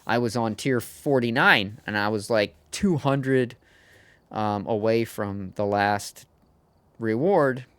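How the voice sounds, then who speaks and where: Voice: mid-range voice, slow, fairly bright tone, clear, resonant tone, dry recording. A streamer chatting casually on a livestream, rambling and laughing often with the viewers.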